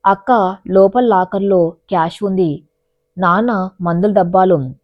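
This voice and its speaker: A woman's voice: mid-range voice, unhurried, dull audio, lightly acted. A woman voicing a frantic young man who urgently raises the alarm to his older sister, in a storybook reading.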